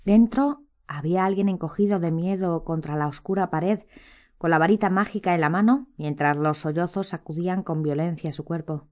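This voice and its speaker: A woman narrating an audiobook in a measured, even reading voice. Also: on the low side, highs cut off.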